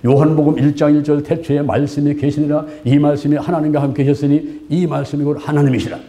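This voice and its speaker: A middle-aged male pastor preaching a sermon in a colloquial, animated way, acting out little scenes in voices. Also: on the high side, fast talker. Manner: colloquial, asks the congregation "예?" often.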